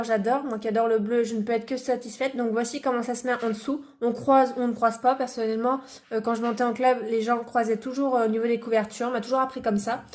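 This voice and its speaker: French woman vlogging her hobby stuff, kinda high voice, lots of euh and restarts. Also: darkish tone. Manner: chatty, many fillers and restarts. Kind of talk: casual vlog with show-and-tell.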